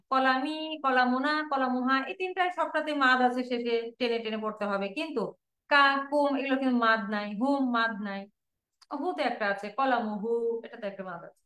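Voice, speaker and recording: A woman teaching a Quranic Arabic lesson online with a Bangladeshi Bengali accent, drilling word forms and repeating them slowly for students. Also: a little high, fairly bright tone, roomy sound.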